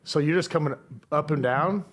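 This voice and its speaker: A man hosting an interview, relaxed and conversational, with short back-channel replies. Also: fairly high pitch, moderate pace, a little hiss or hum. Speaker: podcast host. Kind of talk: casual interview chat.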